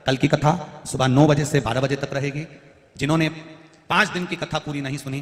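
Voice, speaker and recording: A man preaching a devotional sermon, urging his listeners on with emphatic, repeated phrases. His voice sits fairly high for a man and rings out with a long reverb in a large hall. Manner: emphatic, repetitive exhortation. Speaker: religious storyteller. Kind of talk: devotional sermon to a live audience.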